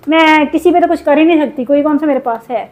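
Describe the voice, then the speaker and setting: A woman from Pakistan chatting in a cooking vlog, upset and venting, her throat sore from shouting. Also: sits high, fast, low-quality recording. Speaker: cooking vlogger. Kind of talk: casual cooking vlog chat.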